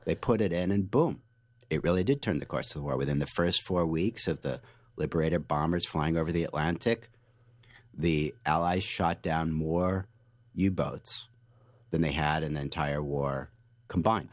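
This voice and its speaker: A man with a very deep voice answers interview questions. He tells stories and explains ideas with energy, often restarting his sentences. The sound is dry and close. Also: moderate pace, no room sound. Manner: animated explainer, frequent restarts and fillers. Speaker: author and guest.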